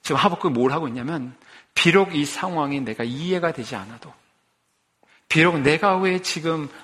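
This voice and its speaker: A man preaching a sermon as a pastor, animated, acting out quoted prayers with a rising, forceful voice. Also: on the high side, normal speed.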